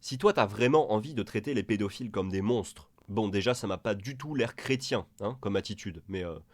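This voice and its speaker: A man's voice: fairly low pitch, brisk, dry recording. Crude, scornful male reaction commentator. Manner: mocking, crude, scornful, talks straight to the person in the clip. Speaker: video commentator.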